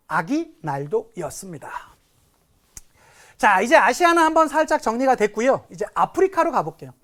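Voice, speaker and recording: A man teaching a recorded history lecture, talking to students in a lively, dramatic way. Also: extremely high pitch. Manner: lively, dramatic, reads quotes with big emotion. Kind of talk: recorded exam-prep lecture.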